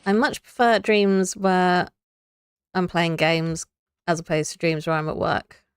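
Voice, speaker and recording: During a casual live Minecraft stream, a young woman talks to her audience and muses aloud about her builds, frequently breaking into laughter. She speaks in a lowish, clean-toned voice at an unhurried pace, captured with clean studio sound and no echo.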